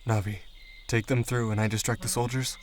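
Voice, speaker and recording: A man's voice: mid-range voice, little pitch movement, brisk, a little hiss or hum, close to an everyday voice. A man playing a protective tracker in an audio drama, dry and teasing but reassuring. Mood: planning. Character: wry, protective male tracker leading young companions.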